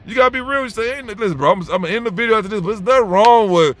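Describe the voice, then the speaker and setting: Talking rapid-fire in a high, slightly bright voice, a young man offers advice straight to camera. His unscripted monologue is blunt, slangy and repetitive, with plenty of "bro."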